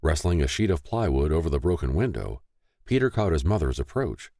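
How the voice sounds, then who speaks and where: A man narrating an audiobook in an expressive storytelling manner. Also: a bass voice, a little fast, dry recording, studio quality. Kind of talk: scripted narration.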